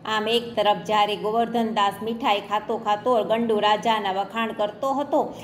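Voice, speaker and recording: Woman telling a folk tale, echoey room. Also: mid-range voice. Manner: reads all the characters' lines in quotes herself. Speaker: storyteller. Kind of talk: storybook narration. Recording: echoey room with faint background noise.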